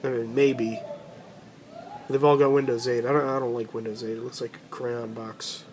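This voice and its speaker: Excitable man, voice worn by allergies. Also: mid-range voice, moderate pace, background noise. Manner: excitable, gasping at gadgets. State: voice strained by allergies. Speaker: vlogger. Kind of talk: casual vlog commentary.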